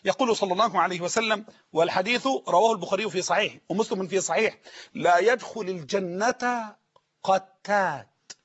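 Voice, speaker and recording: A man preaching a sermon-style lesson with an Egyptian Arabic accent, emphatic, slowing down to repeat sayings so listeners can write them down. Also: high-pitched, a bit bright, husky, dull audio.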